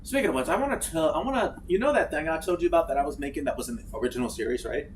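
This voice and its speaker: A man chatting casually while playing a game, swearing freely and breaking into loud outbursts. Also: on the high side, rapid-fire, a little hiss or hum. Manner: animated, swears freely, bursts into shouts. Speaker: gaming streamer. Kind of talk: casual let's-play chat.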